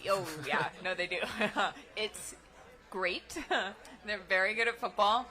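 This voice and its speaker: A young adult woman co-hosting a casual chat, telling stories in a bubbly, excitable way. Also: medium pitch, slow. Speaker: co-host.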